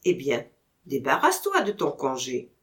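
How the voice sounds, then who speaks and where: A woman reading a storybook audiobook, voicing a witty gentleman master who teases his servant in mock-stern banter. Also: a bass voice, huge pitch swings, normal speed, pitched below the performer's own voice, heavily acted. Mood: teasing.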